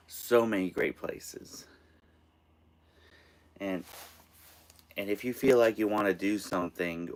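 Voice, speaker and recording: An American man from Maine hosting a casual live stream of tips from inside an RV, halting and restarting his phrases. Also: deep voice, a bit bright. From Maine, United States. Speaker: host of a live show.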